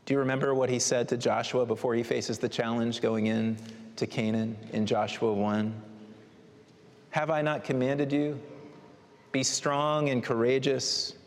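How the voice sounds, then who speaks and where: A man's voice: mid-range voice, flat delivery, a little slow. A man preaching a sermon as pastor, earnest with rising emphatic exhortations. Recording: long hall reverb.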